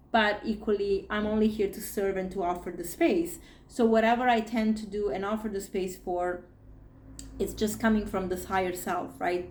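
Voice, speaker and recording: A woman's voice: medium pitch, darkish tone, slight background noise. A woman in her forties speaks as a podcast host and spiritual coach in a casual, heartfelt way. She talks with animation and emotion, often voicing her own inner thoughts aloud. Her voice sits in a middle register and rings in a reverberant room. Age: 40s.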